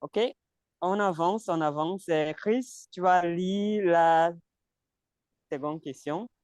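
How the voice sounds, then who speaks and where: A Cameroonian man whose first language is English leads a relaxed French practice session over a video call as the conversation group leader. His smooth voice is fairly high for a man and he takes it slowly, hesitating, repeating words and laughing lightly between phrases. The sound is close and dry, with no room sound.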